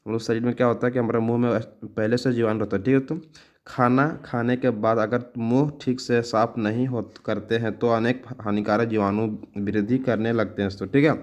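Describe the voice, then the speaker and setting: A man's voice: medium pitch, a little mellow, muffled recording. A man teaching exam answers, with the habit of saying "okay" after nearly every sentence and restarting words as he reads questions out. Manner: fast, repetitive, calls listeners "friends" and "children"; stumbles and restarts words while reading questions. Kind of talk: exam solution lesson.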